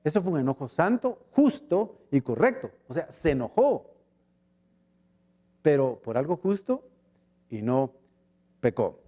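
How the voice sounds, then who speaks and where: A man's voice: on the high side, unhurried, long pauses. A man with a Guatemalan accent preaching a sermon as pastor, acting out short dialogues as he goes. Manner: animated preaching, acts out little dialogues.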